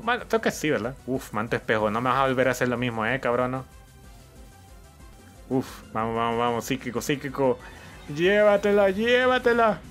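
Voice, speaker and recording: A man's voice: medium pitch, fairly bright tone. A young man giving casual let's-play commentary as the host of a gaming channel, cheering his team on, thinking aloud and swearing often.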